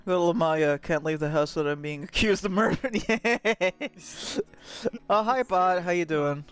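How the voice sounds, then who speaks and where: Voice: mid-range voice, a little slow, clear, resonant tone. A voice actor and streamer chatting casually and jokily between acted game lines. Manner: jokey, animated.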